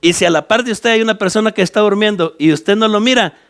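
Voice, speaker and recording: A man's voice: sits high, quick pace, a bit bright. A Guatemalan man who is a pastor, teaching a Bible study to church leaders and explaining scripture point by point with direct questions to his listeners. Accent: Guatemalan Spanish.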